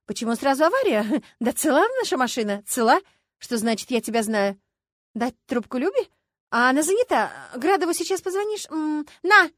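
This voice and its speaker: Brief: narrator doing an excitable young woman, high, exclaiming, dry close sound. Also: normal speed, no echo. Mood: flustered. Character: excitable young woman driver, indignant, flustered.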